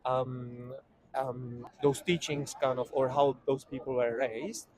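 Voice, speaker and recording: A man from the Republic, answering in a halting way with stumbling restarts. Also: mid-range voice, level tone, darkish tone, low-quality recording. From Czech Republic. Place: city street outdoors.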